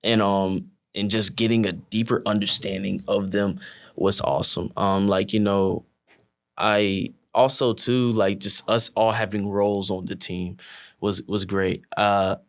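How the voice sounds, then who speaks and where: A young man with a somewhat low voice talks casually about his team. His speech is loose and full of fillers. It brightens and livens up when he retells funny moments. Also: measured pace. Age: young adult. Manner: relaxed, many fillers like "you know", animated when telling stories. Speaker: college wrestler, team captain. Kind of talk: casual interview chat.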